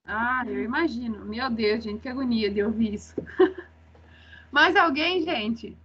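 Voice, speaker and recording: Teacher, woman, breathy, expressive, dull video-call audio. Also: on the high side, unhurried. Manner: expressive, reacts with frequent exclamations. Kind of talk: leading an online class discussion.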